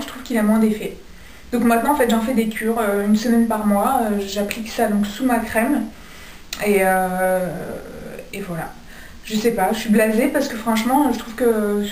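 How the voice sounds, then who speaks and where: Chatty and full of hesitations, a young woman reviews her skincare products in a casual beauty-vlog style. Her voice sits on the high side with a little mellowness, captured by a distant mic in an echoey room.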